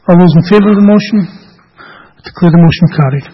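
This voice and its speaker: A man chairing a council meeting as mayor, running through motions in a brisk, procedural way. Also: high voice, slightly rough. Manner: brisk, procedural, briefly muttering to himself. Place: council chamber. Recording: dull muffled meeting recording.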